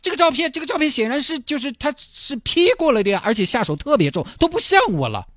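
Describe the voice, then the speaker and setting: A man's voice: very high-pitched, very animated, quick pace, fairly bright tone, no room sound, studio quality, voice pushed up, exaggerated voice. A man voicing a puzzled six-year-old boy asking whiny questions.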